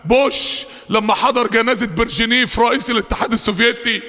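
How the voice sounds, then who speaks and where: A man with an Egyptian accent preaching a Friday sermon, fiery, moving between quick asides and drawn-out, shouted recitation. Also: extremely high pitch, steady tone. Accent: Egyptian Arabic. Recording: long hall reverb.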